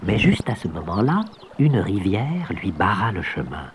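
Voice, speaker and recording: Lively male storybook narrator. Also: a little slow, background noise. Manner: gentle, expressive read-aloud, varied pitch.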